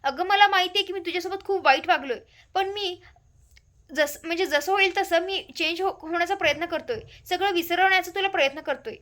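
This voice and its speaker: A woman's voice: very high-pitched, a little fast, fairly bright tone. A woman voicing a young husband in a retold story, talking in a coaxing, pleading way. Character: young man, husband with a plan.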